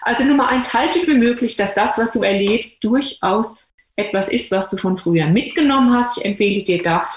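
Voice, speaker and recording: A woman, a doctor, telling patient stories to an audience in a lively, colloquial, emphatic way. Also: mid-range voice, moderate pace, echoey room, slight background noise. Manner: colloquial, emphatic, addresses listeners directly. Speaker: doctor and speaker. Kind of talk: lively storytelling talk to an audience.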